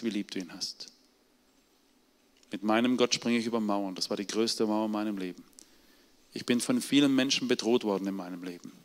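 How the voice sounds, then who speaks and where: Middle-aged male preacher, lowish voice, emphatic testimony with loud-quiet swings, big hall reverb. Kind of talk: sermon.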